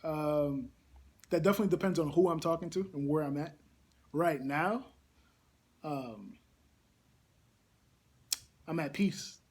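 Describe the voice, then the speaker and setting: A young man from Barbados who coordinates a campus ministry speaks thoughtfully in a casual interview, pausing often and saying um a lot. His voice is fairly high in pitch, darkish in tone, and slightly rough.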